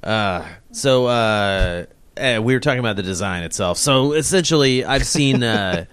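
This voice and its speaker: A man's voice: mid-range voice, animated, normal speed, a bit bright, smooth. A man co-hosting a casual movie commentary, rambling and laughing often. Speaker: podcast co-host.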